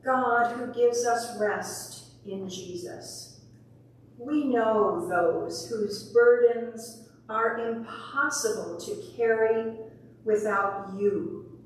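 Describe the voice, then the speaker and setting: In a large church sanctuary, a female worship leader leads the congregation in a creed and prayers from the pulpit microphone, reciting in a measured, prayerful way with the repeated call "Hear us, O God." Her voice is fairly high, and she sits well off the mic in a very echoey space.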